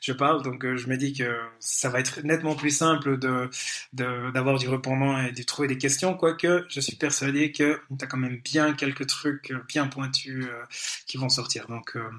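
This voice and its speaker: A man hosting a podcast, asking his guest questions in a friendly, joking tone. He speaks quickly, at a middle pitch. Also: steady tone, fairly bright tone. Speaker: podcast host. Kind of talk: casual interview chat.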